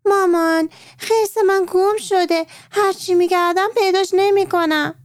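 A woman's voice: darkish tone, no echo, clean studio sound, natural voice. A woman voicing a little girl who insists she is too old for toys, speaking in a raised childish tone. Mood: alarmed. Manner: high, childish and pleading.

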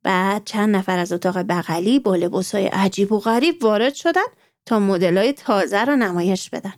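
A woman's voice: mid-range voice, no echo. A woman narrating a children's story, turning to the young listeners with friendly questions. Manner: warm, addresses children directly with questions.

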